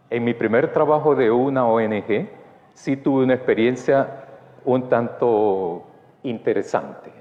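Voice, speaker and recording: A man's voice: medium pitch, darkish tone. Pastor guy telling a story from the pulpit, keeps going "right?", muffled, long church echo. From El Salvador. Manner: conversational, keeps asking the congregation for agreement. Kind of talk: storytelling sermon. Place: church sanctuary. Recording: dull sound in a church with long reverb.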